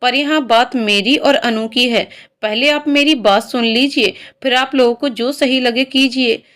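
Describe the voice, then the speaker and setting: A woman's voice: on the high side, unhurried, fairly bright tone. A woman reading as a proud young man. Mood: earnest. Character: proud young male student, sulky and earnest.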